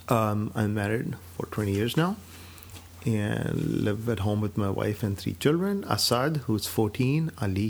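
A man in his forties from Pakistan, a physician and clinic director, talking about his life and work in a measured, steady way with frequent fillers. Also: on the low side, creaky. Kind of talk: personal account to camera.

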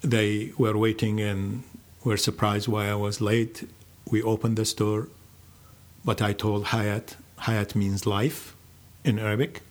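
An older man from Iraq, telling his life story in a slow, measured, reflective way with many pauses. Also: fairly low pitch, flat delivery. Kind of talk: personal storytelling.

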